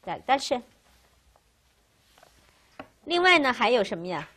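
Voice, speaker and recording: A woman teaching a Russian grammar class, lecturing lively and asking questions she answers herself. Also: on the high side, measured pace.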